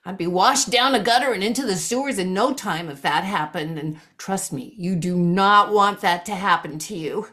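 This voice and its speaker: A woman's voice: mid-range voice, moderate pace, hardly any pauses, pushed and bright, lightly acted. A woman playing a chatty, meddling Tooth Fairy in an improvised comic scene, over a video call. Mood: nosy chatty. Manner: chatty, gossipy, nosy.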